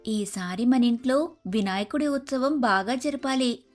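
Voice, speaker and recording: This is a caring, practical mother sparrow from a cartoon story, voiced by a woman. She speaks plainly and firmly, in a slightly high voice. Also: unhurried, soft background music, close to an everyday voice.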